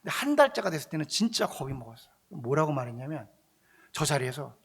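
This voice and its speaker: Gravelly high-voiced male preacher. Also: quick pace. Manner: animated, conversational, acting out quotes, shouting at peaks. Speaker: pastor. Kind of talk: storytelling sermon.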